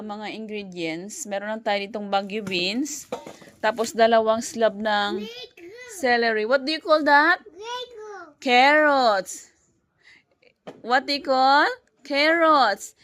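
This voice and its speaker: A woman's voice: mid-range voice, a bit bright. A woman vlogging as a mom cooking at home, chatting and mixing Tagalog with English while recording on her phone. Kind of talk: casual home cooking vlog. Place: home kitchen. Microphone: phone camera.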